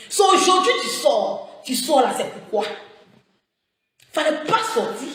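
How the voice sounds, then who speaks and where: A high-voiced woman with an Ivorian French accent, heated and taunting, her pitch swinging widely as she mocks in a sing-song tone. She streams live from her phone, and the room around her is full of strong echo. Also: a bit bright. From Côte d'Ivoire. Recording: very echoey room sound.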